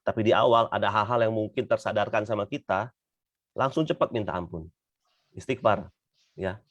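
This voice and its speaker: Low-voiced man giving a relaxed religious talk. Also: normal speed, no echo, dull audio. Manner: conversational, repeats "gitu ya" often. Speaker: religious motivational speaker. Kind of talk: Islamic talk to an audience.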